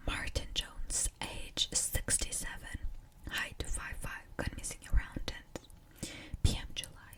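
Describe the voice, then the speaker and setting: A woman whispers in a breathy, unvoiced ASMR style, as a storyteller reading aloud with casual asides. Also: recorded from a distance, poor audio.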